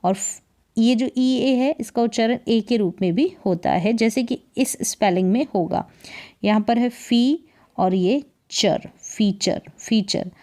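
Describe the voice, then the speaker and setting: A woman's voice: a little high, slow, warm tone. A woman teaching English reading in Hindi, breaking words into syllables and repeating each sound with quiz-like questions. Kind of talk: spelling and pronunciation lesson.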